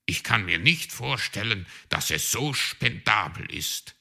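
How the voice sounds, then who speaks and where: Dude doing a grumpy doubting raven that goes kra, raspy bright edge, low-ish. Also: male voice, animated, unhurried, full character voice. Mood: skeptical. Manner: skeptical, caws "Kra". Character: doubtful, grumbling male raven. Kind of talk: storybook read-aloud.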